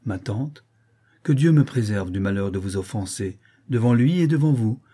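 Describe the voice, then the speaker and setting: A man's voice: lowish voice, lively intonation, normal speed, warm tone, husky. A man reading aloud voicing a proud young woman who answers firmly and respectfully. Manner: firm, respectful, defiant.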